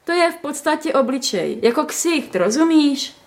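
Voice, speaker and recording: A woman reading a story aloud, voicing a teasing, mock-gallant young man in her own lively voice. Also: sits high, voice pushed up. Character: teasing, cheeky young man, the story's first-person hero.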